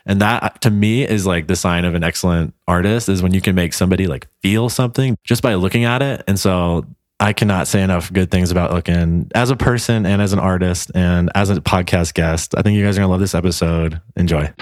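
A man hosts a casual podcast interview, gushing informally and peppering his talk with "like." His voice is low and fairly quick, captured as a dry, clean studio recording.

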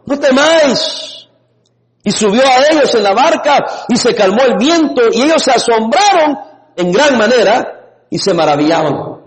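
A man preaching a lively sermon as a pastor, laughing now and then and breaking into sudden shouts. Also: very high-pitched, moderate pace. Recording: long reverb in a hall.

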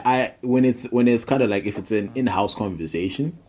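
A man's voice: mid-range voice, brisk, darkish tone, slightly rough. A man hosting a podcast in casual, slangy banter, often repeating words and phrases for emphasis. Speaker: podcast host.

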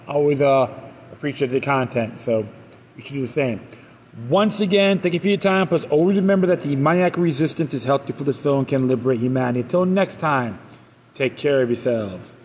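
A man's voice: medium pitch, darkish tone, in a large hall, poor audio. A man hosting a solo podcast, reading articles aloud and then adding loose, casual commentary with some stumbles and restarts. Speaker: podcast host.

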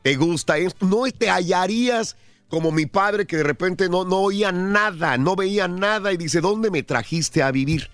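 A man from Mexico hosting a casual radio call-in show, animated and chatty, quick to agree with callers. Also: high voice, no echo, faint music behind.

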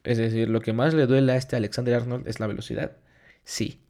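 Gravelly-voiced man breaking down a match. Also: medium pitch, fairly even intonation, fairly quick, mellow. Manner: thoughtful, weighs players against each other, repeats key words for emphasis. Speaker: football analyst hosting a match preview. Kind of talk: unscripted match analysis.

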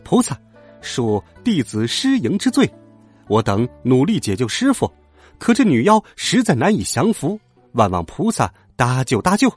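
A man's voice: mid-range voice, wildly swooping pitch, normal speed, husky, soft background music. A man voicing a brash, boastful male monkey king hero in a children's story. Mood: pleading. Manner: cocky, loud exclamations.

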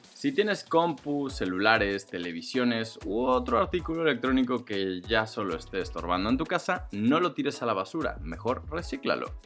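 A Mexican man presents scripted podcast news in a very animated voice, with music underneath. He hits phrase openings with emphasis and lets the endings fall, keeping the wording casual. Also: mid-range voice, moderate pace.

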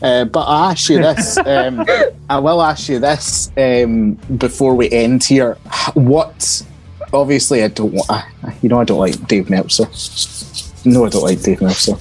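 A man hosts a casual sports panel podcast in a mid-pitched voice. He speaks conversationally, as if to friends, with music playing underneath. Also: unhurried, rough recording. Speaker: podcast host. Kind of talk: casual wrestling panel discussion.

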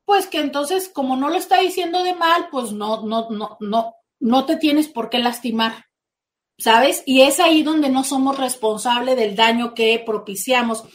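A woman's voice: sits high, unhurried. A woman hosting a casual advice talk as a therapist, speaking emphatically and acting out little quoted exchanges. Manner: emphatic, animated, slips into quoted voices. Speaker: host and therapist.

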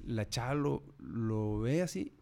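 A man's voice: medium pitch, expressive, slow, vocal fry, a little mellow. A man with a Mexican accent chatting casually and telling a story, dropping "güey" constantly. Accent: Mexican Spanish. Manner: slangy, peppers speech with "güey".

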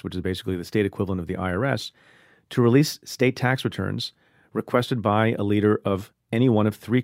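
A middle-aged man from India hosting a podcast, explaining news in a measured way and interviewing a guest. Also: on the low side, vocal fry, a little mellow, dry recording, studio quality. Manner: measured, explanatory, reads ad copy. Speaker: podcast host.

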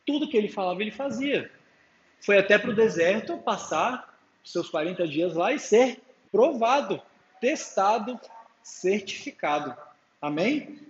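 A man preaches a sermon in a church hall before an audience, calling out for frequent amens and acting out conversations with his daughter. His high-pitched voice is animated and unhurried. The hall is echoey, the sound dull, and there's a faint hum.

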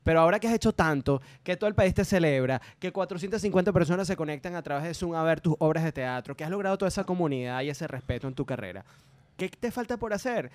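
A man's voice: fairly high pitch, lively intonation, fast, dry recording. A male interviewer thanking his guest and asking her about her future plans. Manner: warm, grateful, asks questions at length.

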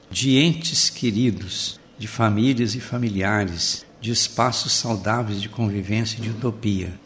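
A man giving a measured, earnest reading of a reflective religious article, in a solemn tone. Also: mid-range voice, slight background noise. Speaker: bishop reading his article. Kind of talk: read-aloud reflective article.

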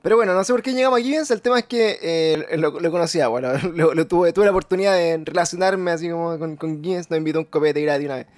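Brief: Chilean male co-host, rapid, slangy and rambling, higher-pitched. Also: no room sound, clean studio sound. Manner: rambling, slangy, frequent restarts. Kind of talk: casual chat.

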